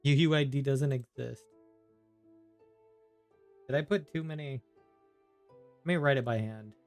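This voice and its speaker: Over soft background music, a man with a medium-pitched voice streams a video game at a measured pace. He chats casually, rambling partly to himself and partly to his viewers.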